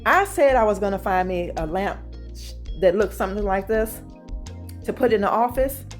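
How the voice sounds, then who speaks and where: A woman vlogging from her home office, chatty and excited, calling her viewers "y'all". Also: mid-range voice, normal speed, faint music behind. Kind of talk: casual chat.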